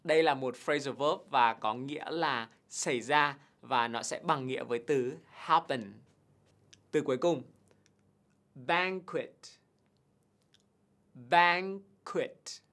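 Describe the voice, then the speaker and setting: A male teacher talks through test answers in a patient, clear way. He pauses to repeat English words slowly and with heavy stress so learners can copy them, in a voice of middle pitch. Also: a bit bright. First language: Vietnamese. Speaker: TOEIC teacher. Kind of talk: televised English lesson, explaining answers and modeling pronunciation.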